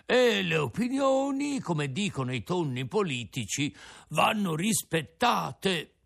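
A man voicing a resigned, philosophical male tuna with a cracked, creaky voice, speaking slowly in a storybook reading. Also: high voice, sing-song, a bit bright, voice pushed up, heavily acted. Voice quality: cracked, creaky voice like an out-of-tune guitar. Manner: slow, resigned, drawn-out delivery. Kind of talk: audiobook character voice.

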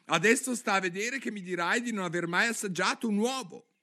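A man voicing a shrill, anxious female pigeon guarding her eggs, screeching and indignant. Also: fairly quick, bright, forceful tone.

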